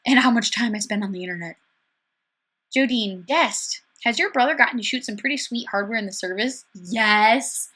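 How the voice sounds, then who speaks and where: A young woman from Wisconsin hosts a casual livestream through her webcam mic, reading viewer comments aloud and answering with sarcastic asides. Chatty and upbeat, she speaks in a mid-range voice that sounds pushed and bright.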